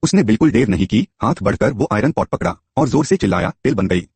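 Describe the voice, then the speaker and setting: Husky male storyteller with lively pitch. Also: fast. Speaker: narrator. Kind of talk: scripted story narration.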